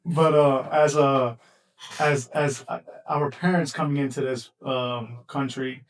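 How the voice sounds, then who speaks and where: Easygoing host, a little off-mic. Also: male voice, medium pitch, steady tone, a little slow, distant mic, rough recording. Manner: easygoing, with frequent short agreeing interjections. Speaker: podcast host. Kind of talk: casual podcast conversation.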